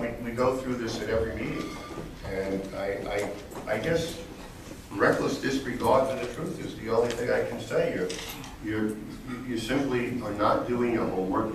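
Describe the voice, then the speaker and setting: A man serving as town supervisor, answering a resident at a public meeting in a defensive, lawyerly way and repeating his denials. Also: lowish voice. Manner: defensive, lawyerly, repeats himself while rebutting. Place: large echoey public meeting hall. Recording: echoey hall, distant mic, audible room noise.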